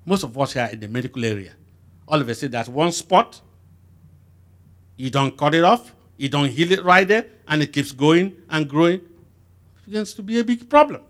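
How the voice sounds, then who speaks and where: A man's voice: on the high side, normal speed, long pauses. A man preaching a sermon, questioning his listeners and having them answer back. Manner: lively, emphatic call-and-response questioning.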